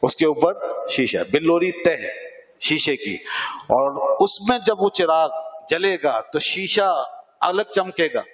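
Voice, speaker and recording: A male Islamic scholar giving a religious lecture, explaining a Quranic verse and slowing down to recite the Arabic, often asking questions and answering them himself. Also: fairly high pitch, expressive, fairly bright tone, long reverb tail, poor audio.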